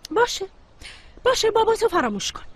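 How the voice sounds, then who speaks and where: A woman's voice: very high voice, very animated. A pushy scheming girlfriend. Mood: persuasive. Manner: persuasive, pushy. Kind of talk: Persian dubbing of a TV series.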